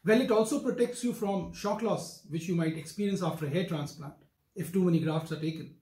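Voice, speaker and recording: The speaker is an older Indian-accented doctor, around his 60s, who specializes in hair transplants and explains things to camera formally, emphatically and deliberately. His high, slightly mellow voice reverberates through the wood-furnished office.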